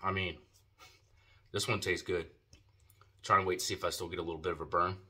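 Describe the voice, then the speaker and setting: A deep, sharp voice with little pitch movement moves briskly through a product review. The man keeps the casual video chat laid-back, slangy and profane while talking with a lip full of dip.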